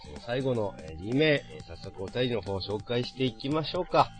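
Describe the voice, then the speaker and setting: A man hosting a chatty podcast in a slightly nasal voice, his pitch rising and falling freely. He eases along with many fillers, and faint music plays behind him. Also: brisk. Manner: relaxed, filler-heavy talk with frequent "eh". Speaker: radio show host. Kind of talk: casual podcast chat.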